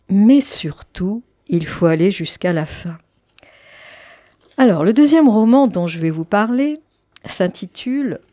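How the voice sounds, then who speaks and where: Woman calmly presenting a novel. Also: mid-range voice, no room sound, clean studio sound. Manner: calm, measured presenting. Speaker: book reviewer. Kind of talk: scripted book review.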